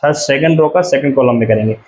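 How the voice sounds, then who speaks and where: A man teaching a maths lesson at a board. He explains step by step, often asks the class a question and answers it himself, and slows right down while writing terms out. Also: medium pitch, darkish tone, a little hiss or hum, poor audio.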